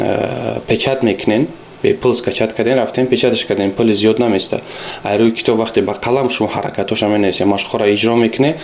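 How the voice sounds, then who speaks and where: A man's voice: on the low side, darkish tone, slight background noise. A man teaching a recorded Arabic language lesson, patiently repeating each example word and explaining it.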